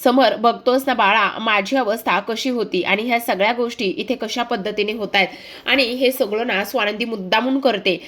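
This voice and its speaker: A woman's voice: a little high, normal speed, fairly bright tone. A woman reading a haughty, blaming aunt. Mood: aggrieved. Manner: accusing, complaining. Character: haughty middle-aged woman, quick to blame.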